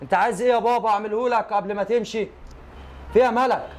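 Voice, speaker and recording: A man's voice: high-pitched, steady tone, racing, slight background noise, natural voice. A man with an Egyptian accent playing a tired working father who scolds and dismisses his daughter. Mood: irritated.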